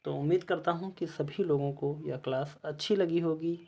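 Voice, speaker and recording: A male teacher giving an exam-prep lesson, reading out quiz questions and their options one by one in a measured way. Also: a little high, fairly even intonation, creaky, mellow, lo-fi sound.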